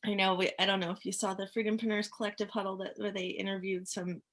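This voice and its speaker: A woman's voice: mid-range voice, little pitch movement. A woman hosting an online interview, chatting in an upbeat, enthusiastic and casual way. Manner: upbeat, enthusiastic, quick to laugh. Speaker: host. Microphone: video call.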